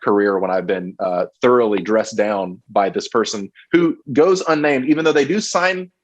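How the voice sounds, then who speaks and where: A man's voice: lowish voice, moderate pace, dull audio. A man co-hosting a college football podcast, talking casually with lots of fillers and restarts. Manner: rambling, many fillers and restarts. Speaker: podcast co-host. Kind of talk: casual sports podcast chat.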